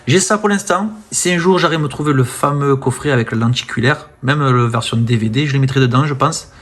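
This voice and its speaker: A man chatting casually about films from his collection, full of fillers, often trailing off softly at the ends of phrases. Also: medium pitch, brisk. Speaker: film collector presenting his steelbooks. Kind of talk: casual unboxing-style chat.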